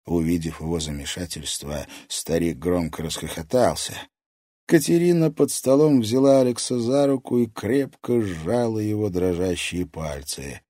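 A man narrating a fantasy audiobook with expressive storytelling. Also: deep voice, normal speed, no room sound, studio quality. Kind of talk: scripted narration.

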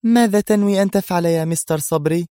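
A man reading a story aloud, voicing an angry, scheming female villain who shouts orders. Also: quick pace, no room sound, studio quality, natural voice. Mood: mocking. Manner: shrill, furious, commanding.

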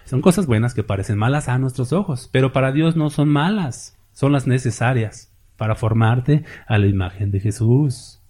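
A man's voice: mid-range voice, normal speed, few pauses, dark tone, husky. A man preaching a conversational sermon, acting out little scenes and asking rhetorical questions.

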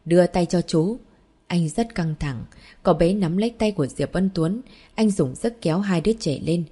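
Low, mellow woman narrating a story. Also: expressive, normal speed, husky. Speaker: audiobook narrator.

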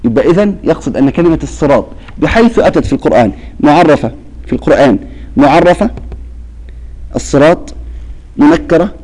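A man's voice: a little high, expressive, a little mellow, rough recording. Egyptian sheikh quizzing his students. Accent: Egyptian Arabic. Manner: quizzes students with fill-in-the-blank questions; slow, drawn-out recitation of verses. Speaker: sheikh teaching Quran recitation. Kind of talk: classroom lesson.

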